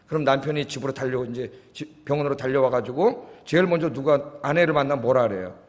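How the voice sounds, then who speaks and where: A male pastor preaches in a church sanctuary with a quick, mid-range, somewhat mellow voice. He questions the congregation, answers himself, and lets phrase endings drop almost to a whisper, all under long church reverb.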